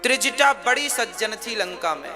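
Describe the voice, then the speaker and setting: A man's voice: high-pitched, expressive, normal speed, big-room sound. A man telling a scripture story as a sermon, emotive and full of rhetorical questions. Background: devotional instrument music.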